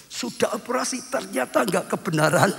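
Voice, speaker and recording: A man from Indonesia preaching a sermon as pastor, animated, acting out dialogue and repeating phrases. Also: high-pitched, normal speed, creaky. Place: church hall. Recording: long reverb of a church hall.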